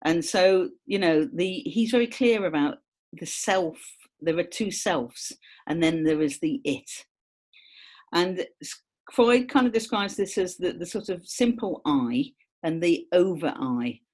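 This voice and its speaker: A woman with a somewhat low-pitched voice explains ideas in a loose, conversational way. She rambles and restarts, fills her sentences with "you know" and "kind of," and pokes fun at herself as she goes. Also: unhurried. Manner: chatty, self-mocking, lively. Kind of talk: casual explanatory chat.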